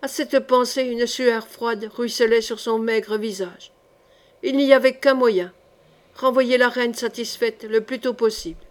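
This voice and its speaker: A woman reading a historical novel aloud as an audiobook, with measured, expressive narration. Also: fairly high pitch. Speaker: audiobook reader.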